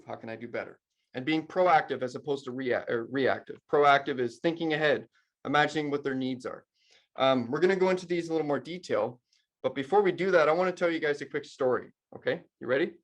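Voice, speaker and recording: A man's voice: fairly high pitch, fast. Casual man leading a mentoring workshop. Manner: casual, addresses the audience directly. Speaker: leadership trainer.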